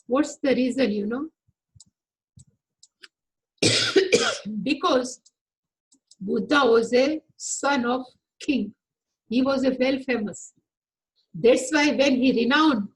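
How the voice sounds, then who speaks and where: A woman with a high voice gives a scripture lecture at an unhurried pace. She takes her time, pausing to gloss each Sanskrit term for her listeners. Her delivery is patient and deliberate, like a teacher leading students through a text. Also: poor audio. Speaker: spiritual teacher.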